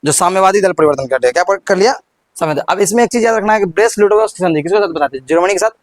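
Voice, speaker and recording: High-voiced Bihari teacher quizzing his class. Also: racing, dry recording. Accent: Bihari Hindi. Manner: repeats questions, prompts students, stumbles and restarts. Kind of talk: classroom history lesson.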